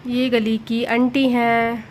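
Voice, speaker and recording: A woman's voice: a little high, little pitch movement, slow pace, a little hiss or hum. A woman in her thirties, a vlogger, chatting casually and with amusement as she walks through her wedding photos.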